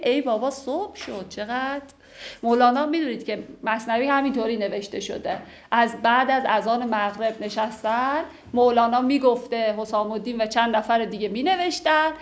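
Woman teaching and reciting classical poetry. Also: on the high side. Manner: slow, measured recitation of verse, lively conversational explanation. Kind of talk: explaining and reciting classical verse.

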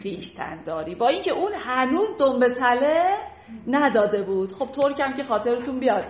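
A woman teaching classical poetry. She reads the verses slowly and measuredly, then explains them quickly in casual everyday speech. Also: high voice, dull audio, slight background noise. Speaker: literature teacher. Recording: roomy echo.

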